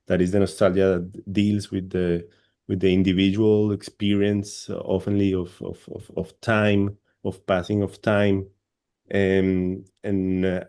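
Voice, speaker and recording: A Colombian man with a low, warm voice delivers an English-language academic panel talk through a video call. His speech is hesitant, with many repeated words.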